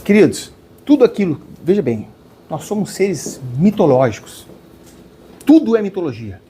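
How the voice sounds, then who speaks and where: A man's voice: high-pitched, big pitch swings, moderate pace, dark tone, slight background noise. A man gives a spiritual lecture to a live audience. He questions his listeners and calls them dear ones.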